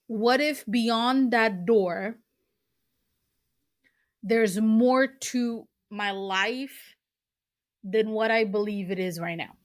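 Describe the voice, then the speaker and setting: Speaking extremely slowly with long pauses, a young woman from Portugal recommends books on the podcast she hosts, earnest but casual, with fillers and restarts. Her voice runs on the high side, captured in studio quality with no room sound.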